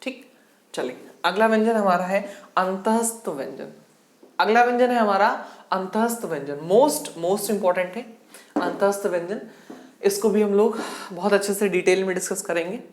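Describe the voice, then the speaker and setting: A woman teaching a Hindi grammar lesson for exam prep, asking a question and then answering it herself, and drilling sounds aloud slowly. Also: medium pitch. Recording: echoey room.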